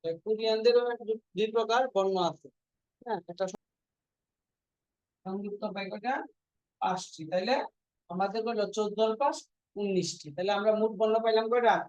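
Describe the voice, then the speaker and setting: A woman's voice: mid-range voice, fairly even intonation, a little fast, long pauses, a little mellow, dry recording. A woman teaching a language class, repeating each point and quizzing her students with frequent questions. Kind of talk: classroom lesson. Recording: dull lo-fi dry recording.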